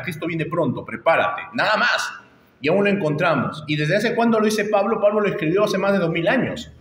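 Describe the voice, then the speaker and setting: Emphatic middle-aged pastor in an echoey hall. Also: male voice, on the high side, a bit bright. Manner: emphatic, repeats phrases and rises on key points. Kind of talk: expository sermon. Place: church sanctuary. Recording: echoey church hall with long reverb.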